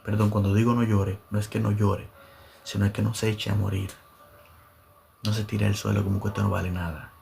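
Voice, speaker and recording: A man's voice: on the low side, level tone, brisk, creaky, a little mellow, slight background noise. A man preaching a sermon as pastor, fervent and repeating phrases for emphasis.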